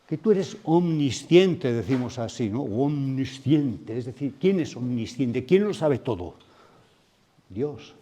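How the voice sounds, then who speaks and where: A man's voice: mid-range voice, sing-song, a little slow, dark tone. A man preaching a sermon at a retreat, reflective and thoughtful, often putting questions to his listeners. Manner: reflective, asks the audience questions. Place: retreat meeting room.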